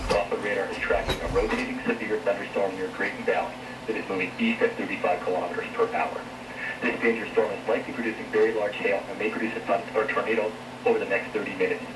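A male meteorologist reading an emergency weather bulletin in a steady, formal way, played back through a TV loudspeaker. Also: lowish voice. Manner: steady, formal warning delivery. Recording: echoey room, distant from mic, noisy.

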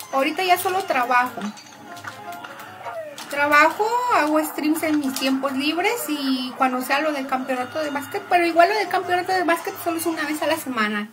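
A young woman chatting casually on a live stream, upbeat and greeting and thanking viewers by name. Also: high voice. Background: music.

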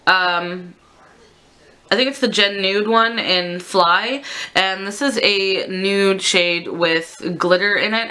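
A woman beauty vlogger with a sick, stuffed-up swamp-monster croak. Her voice sits a little low yet has a bright, forceful edge. She rambles in a candid, casual way as she talks through products. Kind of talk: casual chatty product declutter. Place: indoors at a makeup desk.

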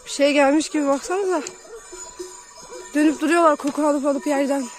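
High-voiced woman herding. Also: fairly even intonation, normal speed, faint music behind. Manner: calls and shouts to dogs and flock, chatty asides. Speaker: shepherd vlogger. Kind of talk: casual vlog while herding animals. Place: outdoors in open pasture.

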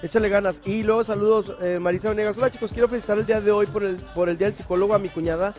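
A man's voice: high-pitched, steady tone, rapid-fire, darkish tone, soft background music. A man hosting a live morning TV show, chatty and affectionate as he reads out viewer greetings. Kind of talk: casual live TV chat.

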